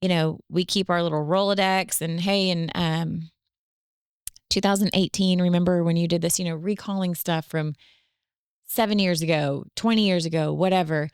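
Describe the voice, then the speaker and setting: A woman with a notably low voice talks earnestly and reflectively on a faith-based family podcast, pausing on fillers as she thinks aloud. The sound is close and dry, with no room around it. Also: steady tone, smooth, dry recording. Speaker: podcast co-host.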